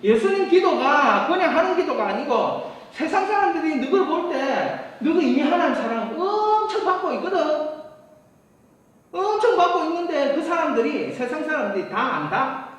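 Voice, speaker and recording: A high, lively male voice, preaching in a loose, chatty way that swings between loud bursts and quiet asides. His words ring through a long church reverb, picked up from some distance. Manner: animated, conversational preaching with laughs and asides. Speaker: pastor. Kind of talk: sermon. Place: church sanctuary.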